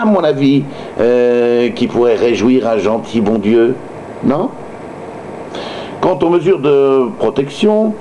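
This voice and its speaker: Low-voiced mellow Frenchman, sardonic and halting. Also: a little hiss or hum. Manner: hesitant, stumbling reading; sardonic, mocking asides. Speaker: amateur radio host. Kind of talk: reading news with sardonic personal asides.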